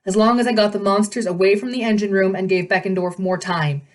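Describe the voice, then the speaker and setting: A woman reading a novel aloud with animated delivery, often stumbling and correcting herself. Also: medium pitch, fairly quick. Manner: animated reading, frequent slips and self-corrections. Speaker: read-aloud host.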